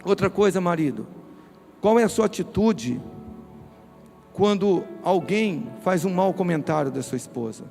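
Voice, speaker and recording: Emphatic Brazilian pastor preaching. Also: male voice, high-pitched, animated, unhurried, gravelly, long pauses, darkish tone, faint music behind. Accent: Brazilian Portuguese. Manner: emphatic, direct, addresses listeners. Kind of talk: sermon. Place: church.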